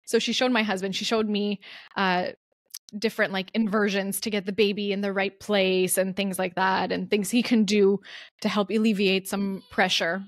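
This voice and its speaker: A young woman, a guest mother in a casual interview, telling her story in a lively way, laughing often and acting out the people she quotes. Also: mid-range voice, normal speed, no room sound, studio quality.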